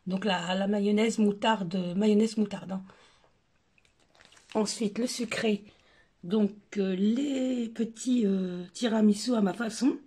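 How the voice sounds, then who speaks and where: A woman with a hoarse, sore throat, casually talking through her buffet recipes and table decor, hesitating often with fillers. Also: mid-range voice, steady tone, slow pace, warm tone. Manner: chatty, hesitant with many fillers. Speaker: home cooking vlogger. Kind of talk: casual cooking and decor walkthrough.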